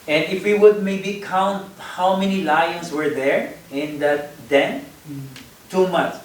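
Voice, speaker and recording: A man preaching a Bible study sermon, talking slowly and haltingly with many fillers and repeated words. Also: sits high, steady tone, a little hiss or hum. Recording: echoey room, picked up from a distance.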